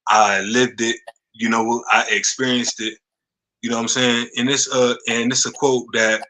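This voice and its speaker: A man in his thirties hosting a podcast interview, talking casually and haltingly, often repeating words and saying "you know what I'm saying.". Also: medium pitch, level tone, bright, forceful tone, low-quality recording. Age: 30s. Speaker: podcast host.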